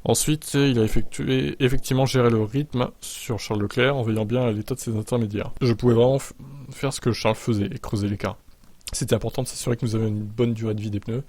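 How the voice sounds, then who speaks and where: Quick-paced and fairly even in intonation, a man with a medium-pitched, slightly mellow voice presents motorsport news without any echo. As commentator and video host, he mixes narration with blunt, slangy, sardonic opinion.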